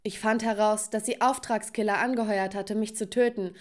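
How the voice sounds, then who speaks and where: A woman voicing a desperate father in hiding who pleads urgently over the phone in an animated story. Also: mid-range voice, moderate pace, natural voice.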